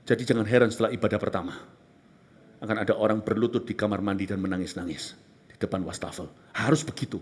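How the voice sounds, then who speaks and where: A man preaching a passionate sermon, moving between raised exclamations and hushed, whispered moments. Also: fairly low pitch, steady tone, fast, breathy edge. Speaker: pastor.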